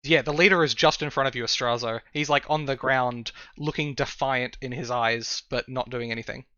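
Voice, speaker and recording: Bright, clear-voiced man running a tabletop game. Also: medium pitch, fairly even intonation, no room sound, muffled recording. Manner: halting, searching for words as he improvises descriptions. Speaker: game master. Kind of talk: narrating a tabletop role-playing game.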